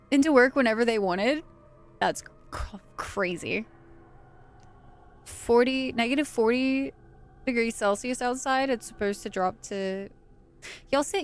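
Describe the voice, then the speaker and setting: A woman's voice: medium pitch, clean tone. A young woman live-streaming a game, chatting casually and playfully, swearing now and then, close on the mic. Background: faint game music.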